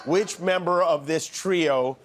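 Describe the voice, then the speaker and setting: A man's voice: fairly high pitch, slow. A middle-aged man hosting a late-night talk show, teasing his guests in wry, chuckling banter. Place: television studio. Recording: live studio audience, background noise.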